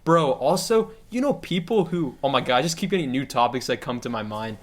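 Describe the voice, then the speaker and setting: A man's voice: medium pitch, a little fast. Swearing, rambling young man chatting. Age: late teens. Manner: swears freely, rambling, animated storytelling. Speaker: podcast guest. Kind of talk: casual chat.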